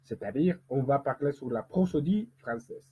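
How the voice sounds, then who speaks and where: A man who is a musician, teaching pronunciation and speaking as a learned language, who demonstrates rhythm slowly and deliberately. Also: medium pitch, lively intonation, breathy edge. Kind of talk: explanatory lesson. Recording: tinny, phone-like sound.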